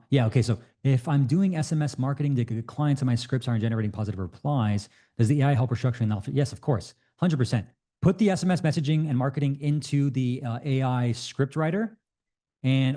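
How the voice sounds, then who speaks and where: A young adult man hosting a live webinar, answering questions in an energetic, repetitive, salesy way. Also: medium pitch. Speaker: webinar host.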